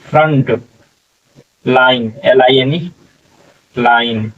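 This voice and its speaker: Male tutor, unhurried spelling drill, heard from a distance on a dull lo-fi mic. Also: medium pitch, fairly bright tone. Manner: slow, drawn-out syllable-by-syllable sounding out; frequent "theek hai" check-ins. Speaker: English teacher. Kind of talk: spelling lesson, sounding out words letter by letter.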